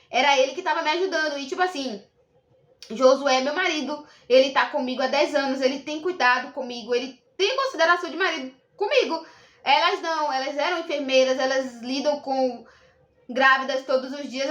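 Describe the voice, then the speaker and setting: A woman's voice: high-pitched, a bit bright, reverberant, lo-fi sound. A young Brazilian woman telling a personal story to camera in a casual, indignant and emphatic way. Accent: Brazilian Portuguese. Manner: indignant, emphatic, repeats herself. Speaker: vlogger.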